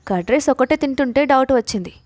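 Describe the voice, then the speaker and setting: A woman's voice: sits high, expressive, fast talker, a little mellow, no echo, pitched above the performer's own voice. A woman voicing a caring young college friend in an audio story, asking curious, concerned questions.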